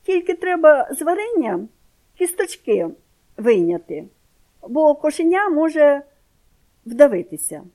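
A woman voicing a shy, proud small village boy, speaking higher and more eagerly than her narration. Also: sing-song, normal speed, dark tone. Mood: defiant.

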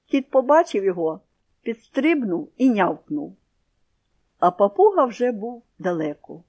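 A woman reads a children's story aloud in an expressive, storybook manner. Her voice moves animatedly up and down, sitting in a middling register for a woman. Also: medium pitch, a little slow. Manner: expressive storybook reading with comprehension questions.

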